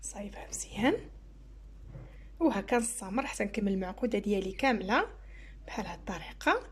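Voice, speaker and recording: A woman's voice: medium pitch, lively intonation, racing, a little hiss or hum. A woman with a Moroccan Arabic accent hosting a home cooking channel, walking viewers through each step of a recipe in a chatty way as she works in her kitchen. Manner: chatty, explains each step while working. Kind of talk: cooking tutorial voice-over.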